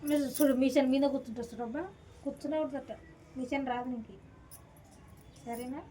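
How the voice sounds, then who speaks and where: A woman's voice: high voice, fairly even intonation, a little fast, dark tone, a little hiss or hum. A woman, a mother, talking casually with her young daughter at home, coaxing and scolding. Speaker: mother and vlogger.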